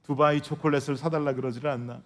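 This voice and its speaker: A man's voice: fairly high pitch, steady tone, fast talker. A male pastor preaching a sermon, telling a humorous family story and speaking directly to his congregation. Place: church sanctuary.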